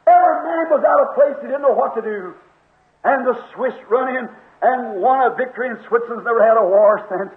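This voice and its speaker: A man preaching a sermon, telling a story with slow, dramatic emphasis. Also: very high-pitched. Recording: tinny, echoey old recording.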